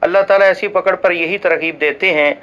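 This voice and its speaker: A man reads a religious ruling aloud in a formal, measured voice and recites Arabic verses along the way. His voice is smooth and resonant and sits a little higher than usual. The recording is slightly muffled and lo-fi. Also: steady tone. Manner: formal and measured, with occasional slips and restarts; recites Arabic scripture passages. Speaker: voice-over reader for a religious channel.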